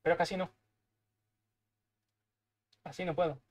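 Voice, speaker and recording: A young man from Spain with a Spanish accent, giving live gameplay commentary, excitable and swearing, muttering to himself as he plays. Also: fairly high pitch, unhurried, lo-fi sound. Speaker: streamer.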